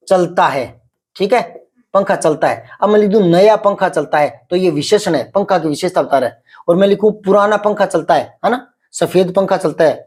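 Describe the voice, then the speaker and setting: A middle-aged man teaching Hindi grammar, explaining patiently, repeating example sentences slowly and quizzing a pupil. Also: high voice, darkish tone. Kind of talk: classroom grammar lesson.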